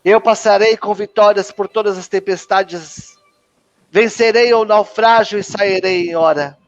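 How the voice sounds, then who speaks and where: A man's voice: sits high, steady tone, measured pace, dull audio. A Brazilian man hosting an online program, reciting prayers and declarations in a solemn, declamatory, emotional manner. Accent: Brazilian Portuguese. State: choked with emotion. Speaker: host.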